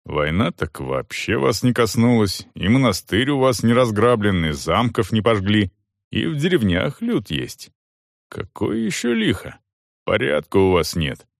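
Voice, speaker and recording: A man's voice: lowish voice, very animated, a little slow, gravelly, dry recording, studio quality, heavily acted. A man voicing a blunt, commanding wounded soldier who speaks curtly. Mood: stern. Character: gruff wounded male soldier, stern master.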